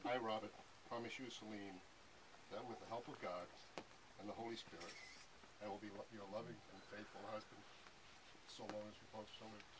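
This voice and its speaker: An older man, the groom, reading his wedding vows in an earnest, slightly halting way with chuckles. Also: on the low side, steady tone, very noisy. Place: wedding ceremony with guests.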